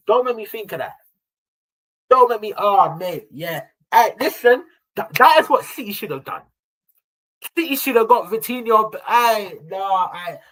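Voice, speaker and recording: In poor audio, a young football podcast regular trades casual fan talk, offering his views through lively slang and addressing his audience as "people." His voice runs a little high.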